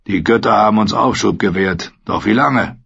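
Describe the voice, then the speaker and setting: A man voicing a gruff, stern old commander who barks his orders, in an audiobook reading. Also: lowish voice, normal speed, a bit bright, lo-fi sound, full character voice. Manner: gruff, barking.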